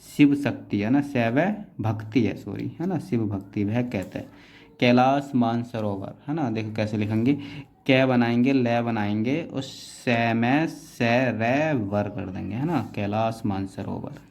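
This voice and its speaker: A man teaching shorthand in a class, explaining each outline step by step and often checking in with quick tag questions. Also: mid-range voice, darkish tone. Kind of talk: classroom explanation while writing.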